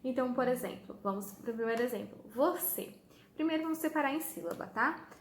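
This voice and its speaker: A woman's voice: high voice, animated, a little fast, a little hiss or hum. A woman teacher giving a patient online lesson to children, checking in often and stressing words for emphasis. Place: room with a whiteboard. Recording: echoey room.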